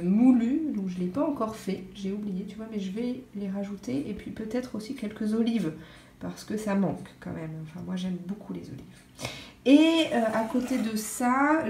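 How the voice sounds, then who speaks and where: A woman vlogs from her kitchen in a relaxed, chatty way, talking straight to the viewer. She hesitates often, filling pauses with small sounds. The room gives her voice a noticeable echo, and her pitch sits in the middle range. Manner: chatty, addresses viewer directly, frequent hesitations. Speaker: vlogger. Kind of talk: casual food vlog chat. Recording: roomy echo.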